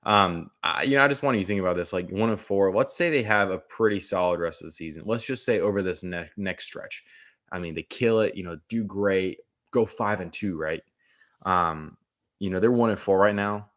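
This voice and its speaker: Deep-voiced man ranting casually about football. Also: moderate pace, a bit bright. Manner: rambling, slangy, frequent "man" and "dude". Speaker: sports commentator. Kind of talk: casual sports talk.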